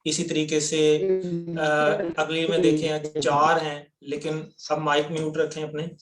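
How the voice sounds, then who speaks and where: Pakistani male teacher on a video call, higher voice, roomy echo, patient and step by step. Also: completely flat delivery, fairly bright tone, faint music behind. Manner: patient, explains step by step, quizzes students. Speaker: Quran word-by-word teacher. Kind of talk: online class teaching. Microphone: computer mic on a video call.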